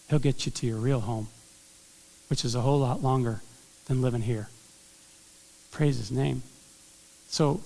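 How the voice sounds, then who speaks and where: Middle-aged guy preaching, kinda high voice, talks like he's chatting, echoey church. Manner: earnest, conversational preaching with frequent throat clearing. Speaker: pastor. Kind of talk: sermon. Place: church sanctuary. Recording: long hall reverb.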